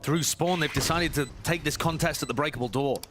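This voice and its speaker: A man's voice: on the high side, brisk, very noisy. A man co-casting an esports shooter match, adding tactical analysis to the commentary. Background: game music and gunfire.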